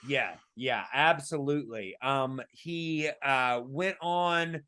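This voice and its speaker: A man co-hosting a podcast in casual chat, his voice raspy, talking emphatically with many fillers and restarts. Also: mid-range voice, slow, bright, forceful tone. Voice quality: raspy today. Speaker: podcast co-host.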